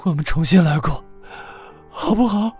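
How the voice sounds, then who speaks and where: A man's voice: on the high side, moderate pace, slightly rough, faint music behind, voice pushed up. A man voicing a drunk, desperate young husband who wails and pleads through sobs in an audiobook. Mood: sobbing pleading. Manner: wailing, pleading, shouting. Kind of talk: audiobook character voice.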